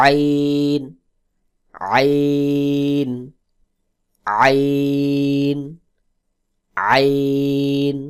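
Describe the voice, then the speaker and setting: A man from Bangladesh teaching Quran letter pronunciation, drilling each letter slowly and repeating it several times. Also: mid-range voice, darkish tone. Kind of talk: slow letter-by-letter pronunciation lesson.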